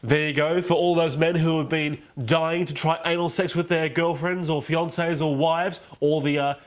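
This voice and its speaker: A man's voice: a little high, steady tone, moderate pace. A man hosting a satirical comedy monologue, mocking the news with playful asides. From Australia. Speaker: comedy show host.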